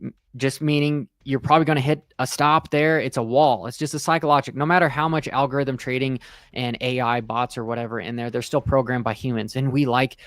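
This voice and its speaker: A man's voice: mid-range voice, fairly even intonation, brisk, a bit bright, no room sound. A man giving casual livestream trading commentary, emphatic and repetitive with frequent check-ins, speaking with half his face numb from the dentist. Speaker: crypto trading streamer.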